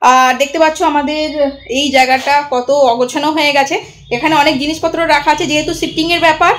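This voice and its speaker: A woman's voice: sits high, fairly even intonation, fast, fairly bright tone. Woman vlogging in an echoey bare room. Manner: chatty, showing things around. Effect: echo of a bare, emptied room. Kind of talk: casual vlog talk to viewers. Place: emptied home, indoors.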